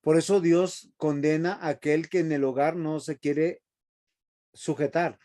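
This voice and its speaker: A man's voice: fairly high pitch, steady tone, measured pace, mellow. A man teaching a seminary Bible class, emphatic and often asking the class rhetorical questions.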